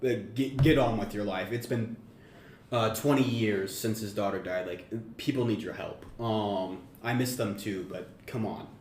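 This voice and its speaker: A man voicing a weary male wookiee friend who talks bluntly in his own lowish voice, in a roomy room. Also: measured pace, a little mellow, slight background noise, lightly acted. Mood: exasperated.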